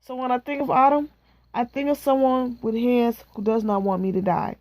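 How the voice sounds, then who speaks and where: A woman reading a novel aloud in a slow, measured way, stopping now and then to chat casually. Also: a little high, fairly even intonation, a little mellow, no room sound. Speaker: reader.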